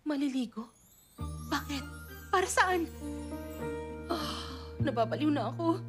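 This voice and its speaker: A woman's voice: sits high, animated, takes it slowly, music in the background. An actress dubbing a formal, polite young noblewoman who is easily flustered. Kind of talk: Tagalog drama dub.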